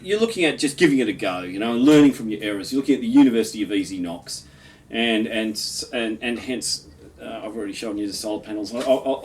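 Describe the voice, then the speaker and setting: A man's voice: medium pitch, far from the mic. A man in his fifties, reading a poem and then chatting in a rambling way, full of restarts and chuckles. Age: 50s. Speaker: poet. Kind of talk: poetry reading then casual chat. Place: his home.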